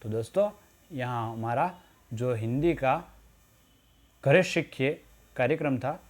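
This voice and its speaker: Male teacher walking through a recorded lesson, very unhurried, middle pitch, repeats himself. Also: darkish tone. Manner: slow, deliberate, repeats phrases.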